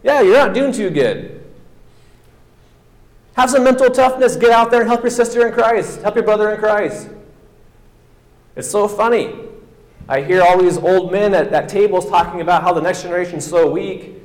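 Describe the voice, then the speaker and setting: In a hall with long, echoing reverb, a male pastor delivers an emphatic sermon, voicing quoted speakers and building toward near-shouting. He speaks high-pitched at a moderate pace, leaving long pauses.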